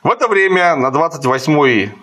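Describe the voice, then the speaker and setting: Man, husky voice, fairly high pitch, sarcastic, rambling film critique. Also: normal speed. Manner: sarcastic, digressive, animated. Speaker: co-host reviewing a film. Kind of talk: casual critical chat.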